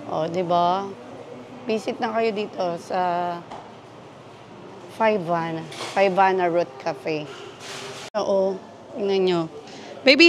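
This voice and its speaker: A woman's voice: on the low side, background noise. A woman from the Philippines giving a chatty, gushing walking tour of a cafe garden on her handheld phone, switching between Tagalog and English. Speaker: travel vlogger. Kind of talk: casual walking tour vlog. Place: cafe garden during heavy rain.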